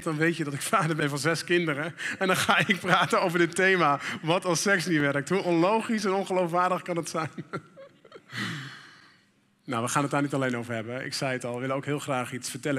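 A middle-aged pastor with a slightly high, sharp voice preaches in a reverberant church hall. His sermon is candid and conversational, full of fillers.

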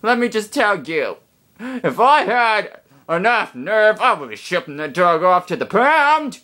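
A young woman telling a story to her phone camera in a casual vlog, animated and exasperated, swearing freely. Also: medium pitch, measured pace. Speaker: vlogger.

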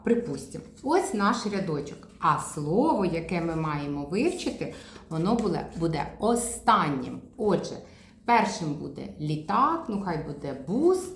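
A woman speech therapist giving a teaching demonstration, spelling words out slowly and emphatically. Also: deep voice, roomy sound, slight background noise.

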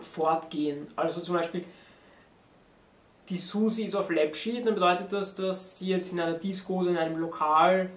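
A young man, in his teens or barely older, explaining informally and haltingly to a camera across a room. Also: high-pitched. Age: teenager to young adult. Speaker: presenter explaining dialect words. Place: small home room indoors, on a sofa. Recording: roomy, distant from the microphone.

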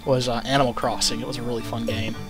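A man's voice: mid-range voice, flat delivery, quick pace. A young man giving casual, rambling gameplay commentary, thinking aloud and swearing casually. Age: young adult. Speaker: let's play host. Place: small room at home, indoors. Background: video game music.

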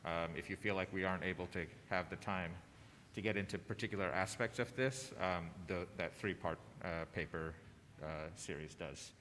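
Male presenter, masked mouth, hesitant delivery, sharp bright tone, reverberant room with background noise. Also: sits low, normal speed. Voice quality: speaking through a face mask. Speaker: conference presenter. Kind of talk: conference talk introduction. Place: large indoor presentation room.

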